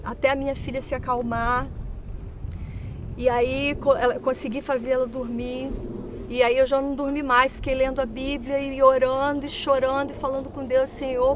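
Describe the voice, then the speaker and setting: High-voiced mother telling a testimony. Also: flat delivery, moderate pace, background noise. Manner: vivid storytelling, acting out quoted speech. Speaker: church member giving a testimony. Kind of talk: interview testimony.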